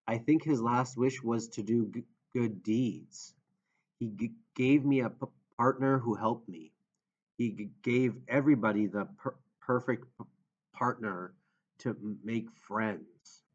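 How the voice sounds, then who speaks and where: A man's voice: mid-range voice, measured pace, breathy edge. A man voicing an earnest young man who stammers on the first sounds of words, in a storybook reading. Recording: dull lo-fi audio.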